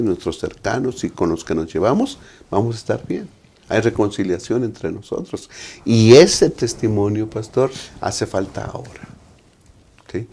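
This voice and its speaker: A man's voice: on the low side, mellow. A man with a Mexican Spanish accent, a pastor discussing the Sabbath school lesson in a preaching manner, often adding tag questions.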